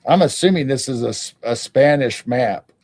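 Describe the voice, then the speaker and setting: A man hosting a casual live stream, thinking aloud in halting starts while studying something on his monitor. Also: mid-range voice, animated, a little mellow. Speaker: stream host.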